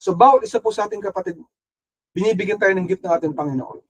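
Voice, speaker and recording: High-pitched Filipino preacher, lively delivery. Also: male voice, quick pace, breathy edge, poor audio. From Philippines. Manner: switches between Tagalog and English, acts out quoted voices. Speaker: pastor. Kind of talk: sermon.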